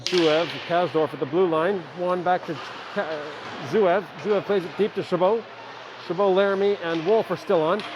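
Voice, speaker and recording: A middle-aged man doing amateur live play-by-play of a hockey game at an ice rink, rattling off the action and dropping in relaxed, chatty asides. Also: sits high, normal speed, highs cut off, noisy background. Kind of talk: amateur live sports commentary.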